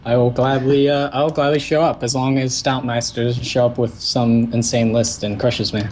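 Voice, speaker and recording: A man's voice: mid-range voice, flat delivery, normal speed, a little mellow, slight background noise. Hesitant young male card-game player. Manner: hesitant, fillers, modest. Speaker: tournament winner guest. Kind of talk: casual interview.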